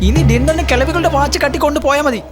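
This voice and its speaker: A woman voicing a snobbish, easily angered young man who scolds his fiancée with contempt. The voice sits in film dialogue with a loud score underneath. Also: high-pitched, very fast, over loud music, natural voice. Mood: scornful.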